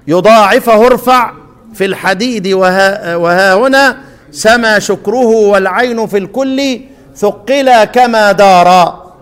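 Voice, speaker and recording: A man with an Egyptian accent teaching Quran recitation to a class, chanting verse lines slowly and quizzing his pupils with fill-in questions. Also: sits high, big-room sound. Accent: Egyptian Arabic.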